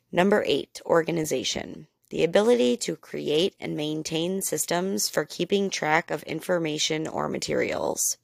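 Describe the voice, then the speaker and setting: A woman with a low voice and a gravelly edge talks through her points like a casual solo podcast. She is chatty and candid, with plenty of "like" and the occasional swear. The sound is dry and close. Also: dry recording. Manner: chatty, candid, mild swearing, frequent "like" fillers. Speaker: podcast host.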